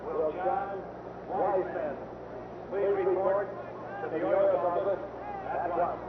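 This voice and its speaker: A man making a slow, formal announcement over a stadium PA system, heard from a distance. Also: high-pitched, fairly even intonation, noisy background. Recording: distant PA, lo-fi radio broadcast.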